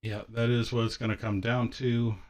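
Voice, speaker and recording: A man's voice: medium pitch, little pitch movement, moderate pace. A man casually commentating a live game match in a laid-back way, his voice echoing with reverb.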